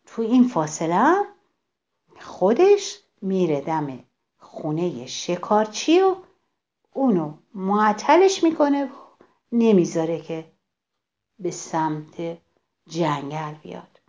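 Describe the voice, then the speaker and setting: A woman reading a children's story aloud, animated and addressing the children directly. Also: on the low side, pauses often, muffled recording.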